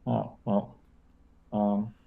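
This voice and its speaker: A man's voice: fairly low pitch, flat delivery, drawn-out words, vocal fry. A man calling into a live stream over a muffled, tunnel-like headset line, hesitant and full of fillers. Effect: muffled, tunnel-like headset call audio. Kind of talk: casual call-in chat.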